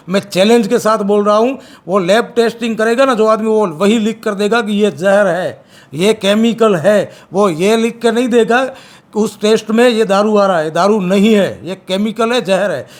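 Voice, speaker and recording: A man speaking as an activist in an interview, forceful and repeating his points with emphasis. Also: high voice, normal speed. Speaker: campaign activist. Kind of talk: interview, political criticism.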